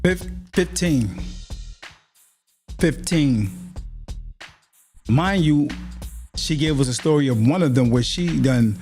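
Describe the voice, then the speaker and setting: A man's voice: medium pitch, expressive, measured pace, long pauses, warm tone, soft background music. A man hosting a podcast, reacting bluntly to a clip in slangy, preachy commentary. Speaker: podcast host.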